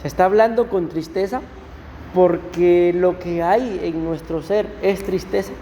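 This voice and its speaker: A male pastor giving a conversational sermon to his congregation, often slowing down to read verses aloud. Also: sits high, mellow, big-room sound, a little hiss or hum. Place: church.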